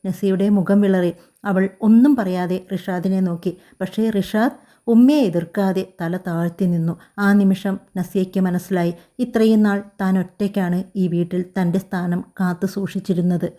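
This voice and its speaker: A woman narrating a scripted story in an even, measured way. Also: medium pitch.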